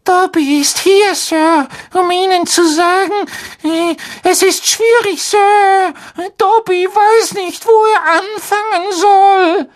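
A man voicing a servile, tearful male house-elf with a piercing, squeaky voice in a storybook reading. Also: fairly even intonation, slow pace. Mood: eager. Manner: shrill, squeaking, sobbing, calls everyone sir.

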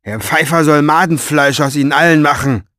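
A man voicing a scheming, vain, gloating male villain in a storybook reading, with a velvety voice and a mocking, drawn-out, theatrical delivery. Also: a little high, fairly bright tone, no echo, clean studio sound, pitched above the performer's own voice, lightly acted.

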